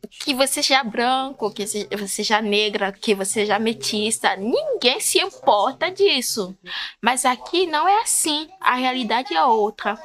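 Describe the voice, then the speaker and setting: A woman from Benin gives a documentary interview in a clearly high voice. Her speech is halting, with frequent repeated words as she gropes for the right term. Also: fairly bright tone. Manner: halting, repeats words while searching for them. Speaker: interviewee, migrant.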